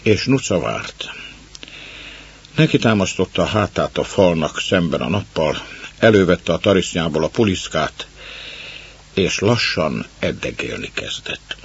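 Brief: calm male story narrator, low and husky, dull lo-fi recording. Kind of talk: storybook reading.

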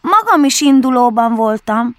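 A woman voicing a fussy, cautious male rabbit who talks in a shrill, clipped, prim way, for a storybook reading. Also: big pitch swings, dry recording. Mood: prim polite.

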